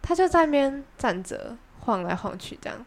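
A woman's voice: high-pitched, moderate pace. A young woman with a Taiwanese Mandarin accent, co-hosting a podcast and telling a long story in casual chat, acting out the other people's lines. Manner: chatty, animated anecdote telling with quoted dialogue. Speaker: podcast co-host.

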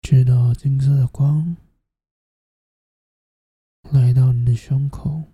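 Very soft, breathy, dark sleep-story narrator. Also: medium pitch, steady tone, slow, dry recording. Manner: soft, soothing, half-whispered delivery. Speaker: host and narrator of a guided sleep relaxation.

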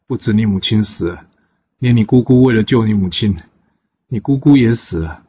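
A grieving warrior general in middle age, as a storyteller voices him. His speech is heavy and sorrowful, low and husky. The sound is muffled and lo-fi. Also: normal speed, mellow.

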